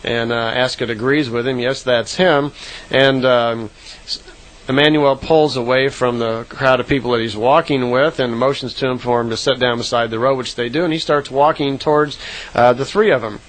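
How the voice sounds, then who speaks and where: A man's voice: medium pitch, fairly even intonation, moderate pace, a bit bright, rough recording. Rambling man retelling a story. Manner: rambling retelling with fillers and self-corrections. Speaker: radio guest retelling a contact story. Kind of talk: casual spoken storytelling.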